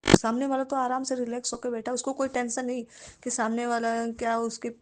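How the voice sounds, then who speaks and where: A woman's voice: a little high, little pitch movement, a little fast, a little hiss or hum. A woman sharing a devotional testimony, addressing the congregation respectfully in nearly every sentence.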